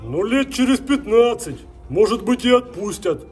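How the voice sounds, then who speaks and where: Man doing a gruff male prison guard, high-pitched for a man, lively swings, impatient, scolding, comedy sketch. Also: normal speed, soft background music. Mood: irritated. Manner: curt, scolding.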